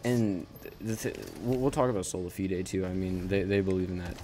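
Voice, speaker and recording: A man giving casual commentary while he plays a game, rambling with halting starts and frequent self-corrections. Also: sits low, dark tone, a little hiss or hum. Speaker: gaming channel host.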